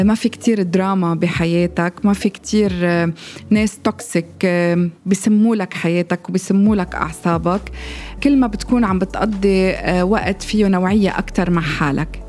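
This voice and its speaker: A woman podcast host speaks in Lebanese-accented Arabic, with a mid-pitched voice. She delivers a self-help monologue straight to the listener, building points through repeated phrasing. Soft music runs faintly behind her.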